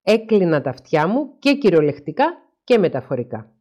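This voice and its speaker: A woman's voice: on the low side, sing-song, darkish tone. A woman voicing a troubled young husband who talks in a plain, confiding and hurt way. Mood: frustrated.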